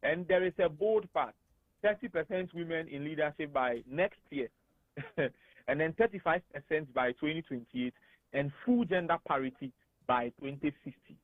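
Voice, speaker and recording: A Ghanaian man holds forth as a radio talk-show guest, animated and emphatic. His voice sits fairly high. The sound is dry and thin, like a phone line. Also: normal speed, dry recording. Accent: Ghanaian English. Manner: animated and emphatic, laughs often. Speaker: guest analyst.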